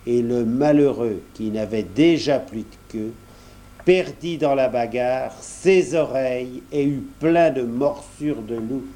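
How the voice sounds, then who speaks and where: A man tells a children's fable slowly, with lively rises and falls in his voice. His tone is warm and dark. He stops now and then to speak directly to the young listener and explain things. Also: medium pitch. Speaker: storyteller. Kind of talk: children's story reading.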